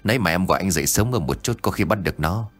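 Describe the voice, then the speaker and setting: A man's voice: low voice, expressive, faint music behind. A man doing a grumpy griping husband. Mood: annoyed. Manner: fast angry griping. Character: grumpy young village husband.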